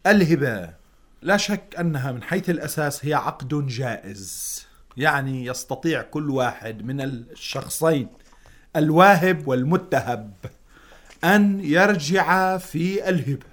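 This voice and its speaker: A man speaking as a religious scholar on radio, explaining in a didactic way, restating points with examples and hesitations. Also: mid-range voice. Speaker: religious scholar, seminary teacher.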